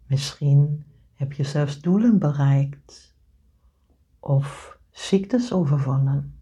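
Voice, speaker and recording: A woman leads a guided meditation in a low, mellow, breathy voice. She speaks very slowly and gently, often sinking into a soft whisper. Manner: slow soothing delivery, often whispered.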